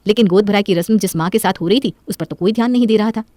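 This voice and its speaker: A woman narrating a moral story in a brisk, expressive way. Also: medium pitch, no echo.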